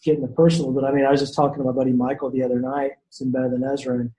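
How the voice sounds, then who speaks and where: Casual podcast guest, man from Louisiana, animated with many restarts, echoey room sound. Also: mid-range voice, very fast. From Shreveport area, Louisiana. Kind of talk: casual storytelling chat. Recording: roomy echo.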